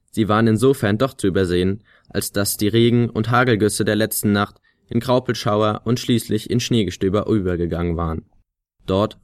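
A man with a fairly low voice reads a storybook aloud, measured and vivid. The recording is dry and close, with no room sound. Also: a little mellow, no echo. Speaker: narrator. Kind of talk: storybook narration.

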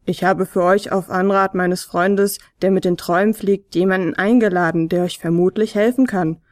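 A woman voicing a gentle, soothing large creature with big paws in a storybook tale. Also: on the low side, normal speed, no echo, lightly acted. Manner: warm, soothing, calm.

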